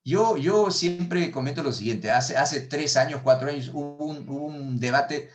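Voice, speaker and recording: A man's voice: fairly high pitch, a little slow. A middle-aged man with a Peruvian Spanish accent, giving an economics lecture in a webinar, stumbling over his words and restarting often, heard over a video call. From Peru. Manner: hesitant, many restarts and repeated words. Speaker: economics professor. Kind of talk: webinar lecture answering questions.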